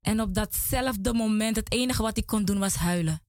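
A woman's voice: medium pitch, moderate pace, a little mellow, dry recording. A woman guest in a small studio giving an emotional religious testimony, earnest and repeating words as she talks.

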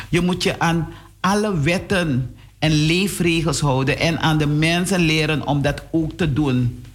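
A man delivers a sermon, speaking in a fairly high voice. He preaches on the radio and his delivery jumps up in pitch and pace at times. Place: radio studio.

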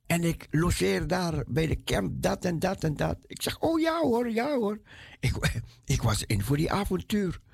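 A man tells a personal story in a lively, sing-song way, with his pitch rising and falling widely and his voice carrying a gravelly edge. He talks slowly and leans on repeated words for emphasis, and he acts out the other people in his story. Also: dry recording, clean studio sound. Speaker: speaker giving a personal testimony. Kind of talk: animated storytelling.

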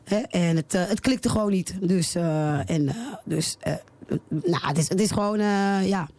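A woman's voice: lowish voice, unhurried, darkish tone. A woman in her forties, a singer being interviewed on the radio, talking in a hesitant, chatty way full of fillers and restarts. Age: 40s. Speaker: singer guest.

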